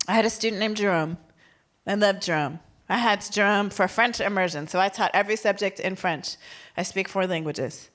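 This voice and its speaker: A woman speaks to a live audience in a keynote talk. She tells stories in an animated way and drops in playful asides. Her voice sits at an ordinary pitch for a woman. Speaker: keynote speaker and former teacher.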